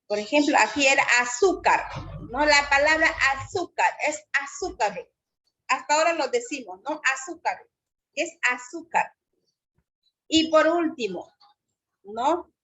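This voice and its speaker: Slow-speaking woman teacher, Shipibo-Conibo native. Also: sits high, lively intonation, a bit bright. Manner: slow, pausing, frequent "¿no?" tag. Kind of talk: lecture on loanwords.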